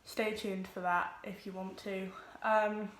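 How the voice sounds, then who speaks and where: A teenage girl, introducing her vlog at home, nervous and quick, with lots of ums. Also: medium pitch, little pitch movement, roomy sound. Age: teens. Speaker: vlogger. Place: home room with pets.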